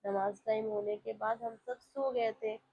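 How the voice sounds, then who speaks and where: A woman's voice: fairly high pitch, fairly even intonation, measured pace, slight background noise. A woman, narrating her day in a casual, chatty vlog voice-over and talking to her viewers directly. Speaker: vlogger. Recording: slightly dull lo-fi with faint home ambience.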